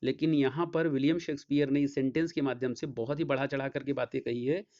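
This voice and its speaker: A man with a Hindi accent giving an English lesson as a teacher, explaining slowly and checking often that students follow. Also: mid-range voice, fairly even intonation, a little mellow. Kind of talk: classroom lecture. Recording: dull lo-fi sound.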